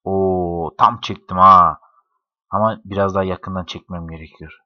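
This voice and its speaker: A man's voice: low-pitched, fairly even intonation, moderate pace, no echo. A young man giving casual, joking gameplay commentary, talking to the characters and laughing often. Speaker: gaming YouTuber. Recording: dry, dull lo-fi home mic.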